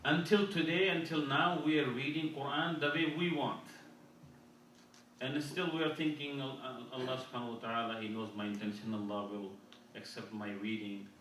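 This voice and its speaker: A man preaches earnestly at an Islamic conference, his fairly bright, mid-range voice holding a fairly even intonation. The mosque hall is very echoey, he is far from the mic, and there is slight background noise. He often repeats or restarts phrases and recites Arabic verses rapidly.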